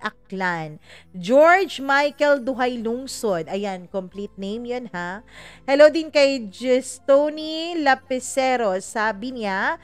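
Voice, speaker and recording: A woman's voice: fairly high pitch, smooth. A woman hosting a story podcast, chatting casually as she reads out listener greetings and teases with playful jokes. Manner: chatty, teasing, laughs at her own jokes. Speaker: podcast host reading listener shout-outs. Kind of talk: casual chat.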